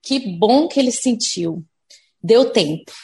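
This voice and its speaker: A woman's voice: on the high side, animated, slow pace, a little mellow. A woman, a speech therapist answering interview questions patiently and acting out what parents and children say. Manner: explains patiently, acting out parents' and kids' words.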